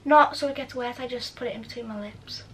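A woman's voice: a little high, fast talker, fairly bright tone, far from the mic, a little hiss or hum, rough recording. A young woman chatting to camera as she walks viewers through each step of her routine at home. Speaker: beauty vlogger. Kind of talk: casual how-to chat to camera. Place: at home, indoors.

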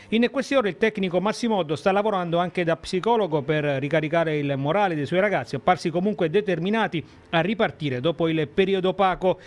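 High-voiced male sports news presenter. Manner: brisk, formal delivery. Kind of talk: news reading.

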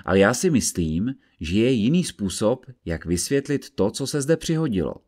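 A patient investigator lays out his logic piece by piece, as a man reading the story puts him on. He sounds calm and low, measured in each sentence. It is an audiobook character voice. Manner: calm, methodical, explaining.

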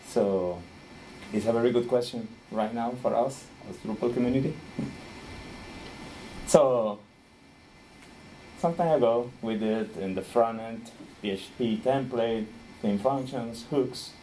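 A man in his thirties from Rica, speaking English, giving a friendly conference talk with frequent small laughs and pauses while he searches for words. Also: medium pitch, mellow, slight background noise, poor audio. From Costa Rica.

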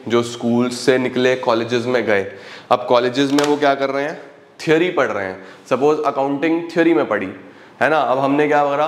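Animated male teacher in an echoey room. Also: medium pitch. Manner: lively, repetitive teaching with rhetorical questions; slows right down to dictate English definitions. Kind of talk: exam-revision lecture.

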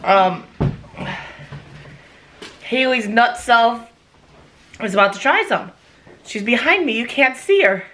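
A middle-aged woman vlogs from her kitchen with her mouth burning from spicy food. Her voice is highish and very animated, and she takes her time. She exclaims in short pained remarks as her nose runs. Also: slow, long pauses. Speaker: vlogger doing a hot chip challenge. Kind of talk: casual reaction vlog to camera. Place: home kitchen. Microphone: camera across the table.

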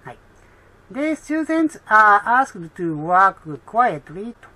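A woman explaining an English exam in a chatty way with many fillers, reading English lines slowly and. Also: medium pitch, big pitch swings, bright, forceful tone.

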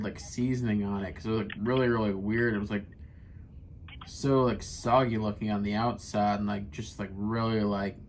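A man making a casual, deadpan complaint as a prank caller, rambling in a gravelly voice. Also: fairly low pitch. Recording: faintly noisy phone-camera recording.

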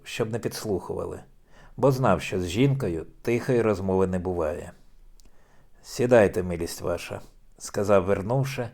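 A man narrating an audiobook in a measured, dramatic way. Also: on the low side, a little mellow.

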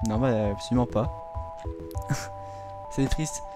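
Speaking slowly in a mid-range voice, a young man hosts a laid-back let's-play video, talking to his viewers and giggling often. Game music plays behind him.

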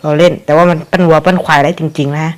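A man's voice: a little high, steady tone, rapid-fire. A young man casually commentating his own gameplay, rambling and cursing at the game with frequent chuckles.

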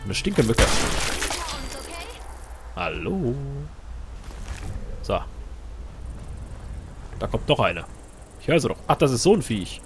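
A man's voice: medium pitch, very animated, slow pace, pauses often, music in the background. A man giving casual, joking let's play commentary while he plays, talking to himself and his companion.

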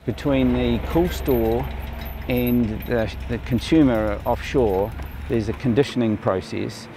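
Older man, New Zealand, orchard owner, gravelly voice, plain explanations, outdoor interview, lapel mic. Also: medium pitch, takes it slowly, background noise. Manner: plain, explanatory, with fillers and restarts. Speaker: orchard owner and company founder. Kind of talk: on-camera interview.

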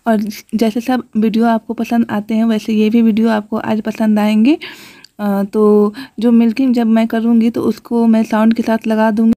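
A woman's voice: a little high, completely flat delivery, normal speed, mellow. A young woman vlogger talking casually to her viewers, earnestly explaining and defending her ways. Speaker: village vlogger. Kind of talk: casual voice-over vlog.

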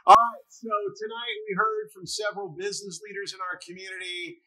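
A man's voice: high voice, level tone, fairly quick, pushed and bright. A man co-hosting an arts awards show, upbeat and jokey as he makes a fundraising appeal.

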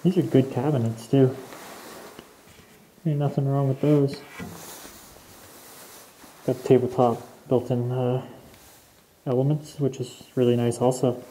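A man's voice: medium pitch, flat delivery, measured pace, long pauses, mellow, slight background noise, low-quality recording. A young man casually narrating a walk through an empty abandoned house, thinking aloud and laughing easily while wearing a respirator. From Canada. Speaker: urban explorer host. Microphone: camera mic, wearing a respirator mask.

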